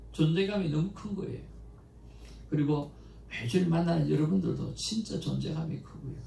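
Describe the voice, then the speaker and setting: Gravelly-voiced pastor preaching in an echoey church. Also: male voice, on the high side. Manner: conversational, anecdotal preaching with animated emotional quotes. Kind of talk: Sunday sermon. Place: church sanctuary. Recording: echoey church room, mic at a distance, faint background noise.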